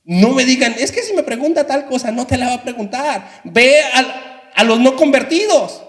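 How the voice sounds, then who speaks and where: A man's voice: very high-pitched, expressive, normal speed. A male pastor preaching an impassioned sermon in a church, often addressing the congregation. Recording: echoey church hall reverb.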